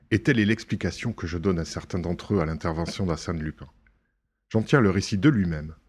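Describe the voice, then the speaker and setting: A man narrating an audiobook in a measured, steady reading. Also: low-pitched, breathy edge, dry recording. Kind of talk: scripted narration.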